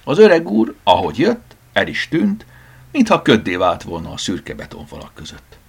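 Male audiobook narrator, very low and gravelly, expressive storybook reading with whispered asides.

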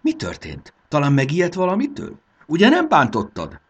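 A man's voice: a little high, wildly swooping pitch, husky, voice pushed up, exaggerated voice. A man voicing a feisty little fairy girl. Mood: curious. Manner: pert and sulky.

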